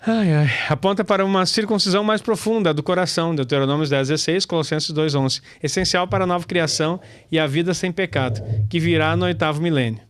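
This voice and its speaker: A man's voice: a little high, fast, hardly any pauses, clear, resonant tone, no echo. A man, teaching scripture in a casual, chatty way, calling listeners brother and laughing often. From Brazil. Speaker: pastor and Torah teacher.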